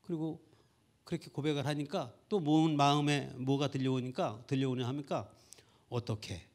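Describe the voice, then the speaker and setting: A middle-aged male pastor preaching a sermon at a Sunday church service, telling a personal story earnestly and building to loud, fervent peaks. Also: on the high side, level tone, moderate pace.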